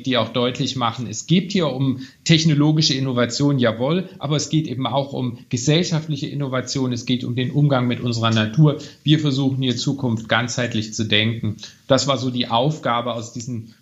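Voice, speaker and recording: A man's voice: mid-range voice, fairly bright tone, dull audio. A man, a museum director, answering podcast interview questions thoughtfully with many fillers and restarts.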